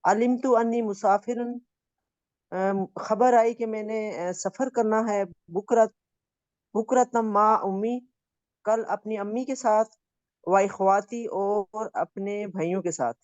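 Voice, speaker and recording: Halting woman student, dull dry audio. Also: medium pitch, a little mellow, no echo. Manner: halting, careful reading. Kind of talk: reading aloud and translating in class.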